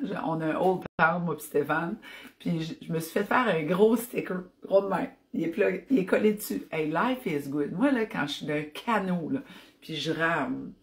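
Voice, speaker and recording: A woman with an Acadian French accent from New Brunswick, chatting enthusiastically on a fitness live stream and slipping in English phrases. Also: lowish voice. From New Brunswick, Canada. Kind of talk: casual live-stream chat.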